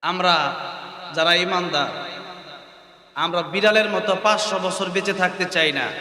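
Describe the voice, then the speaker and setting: Man preaching, sing-song delivery, high ringing voice, echo and long reverb outdoors. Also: noisy background. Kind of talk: sermon. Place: night open-air religious gathering. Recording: echoey open-air event, long reverb.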